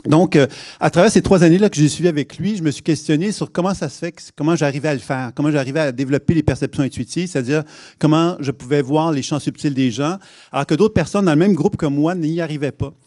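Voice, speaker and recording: A man's voice: a little high, fast talker, a little mellow, no room sound, clean studio sound. Québécois man giving a lecture. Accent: Québécois French. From Quebec. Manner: hesitant, many restarts and fillers. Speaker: conference speaker. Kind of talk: public lecture. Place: conference hall.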